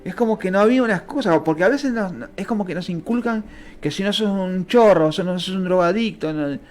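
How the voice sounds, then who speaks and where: A man's voice: brisk, faint music behind. Fervent Rioplatense Spanish man preaching. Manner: fervent, emotional, swings between low and high pitch. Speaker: Bible teacher. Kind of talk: sermon.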